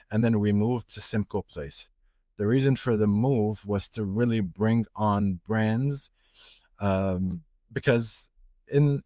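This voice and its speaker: A man's voice: lowish voice, dark tone, dry recording, clean studio sound. A middle-aged man from Egypt, a watch retailer, talking casually in a podcast interview with many fillers and restarts.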